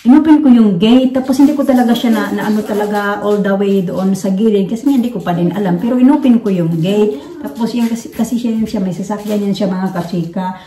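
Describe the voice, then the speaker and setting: A woman's voice: medium pitch, fast, few pauses, warm tone, far from the mic. A woman from the Philippines chatting casually to her viewers, rambling with many fillers and restarts. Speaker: vlogger. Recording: roomy, from off the mic, faint noise.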